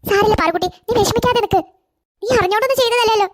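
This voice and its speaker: A woman doing a kind, high-voiced older cartoon girl. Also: very fast. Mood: soothing. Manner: gentle, encouraging, advising. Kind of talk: cartoon voice acting.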